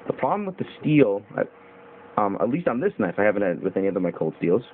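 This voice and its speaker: A young man talks through a knife review in a loose, informal way, filling pauses with ums and uhs. His voice sits a little low. The audio is thin and phone-like, with a faint hiss underneath. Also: big pitch swings. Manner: rambling, informal, with fillers and mild swearing. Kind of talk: casual video review.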